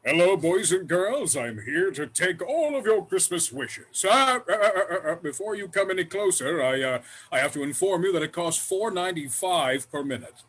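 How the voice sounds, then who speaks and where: Man doing a greedy street Santa, jolly booming manner, bright high voice. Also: expressive, normal speed, slightly rough, full character voice. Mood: wheedling. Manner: jolly booming then wheedling. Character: sleazy money-grabbing male street Santa.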